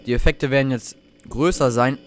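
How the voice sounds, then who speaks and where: A man's voice: mid-range voice, moderate pace, soft background music. A young man commenting on a horror video game as he plays, talking to himself, swearing and getting jumpy. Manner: jumpy, swears, talks to himself under his breath. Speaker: let's play host.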